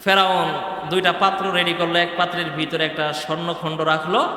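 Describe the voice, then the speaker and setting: A man's voice: on the high side, little pitch movement, a little fast, sharp tone. A man preaching a sermon in Bengali with a Bangladeshi accent, telling a story and acting out its voices. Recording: echoey hall.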